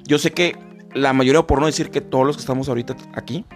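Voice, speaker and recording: A man's voice: medium pitch, steady tone, fast, soft background music. Rambling podcast host, man. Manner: rambling, many fillers and restarts. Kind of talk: casual chat.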